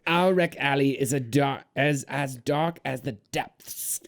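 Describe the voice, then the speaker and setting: A man's voice: medium pitch, slow, pitched above the performer's own voice. A man doing a hammy old sailor voice to read a beer label aloud, laughing through parts of it. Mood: theatrical. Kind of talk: podcast chat, mock-dramatic reading.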